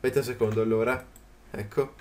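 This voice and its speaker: A man giving casual commentary as he plays a video game, chatty and quick to yelp in surprise. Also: medium pitch, steady tone, darkish tone. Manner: chatty, jumps to startled yelps at the game. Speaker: gaming channel host. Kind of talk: let's play commentary.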